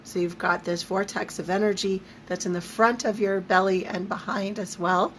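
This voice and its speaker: A woman speaks in a squeaky voice, strained by an allergy, at a middling pitch. She teaches a live online lesson informally, with down-to-earth, emphatic asides. There is some noise behind her. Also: fairly even intonation, normal speed, a bit bright. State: throat and voice affected by allergy. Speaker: spiritual teacher leading a live online series. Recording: noticeable background noise.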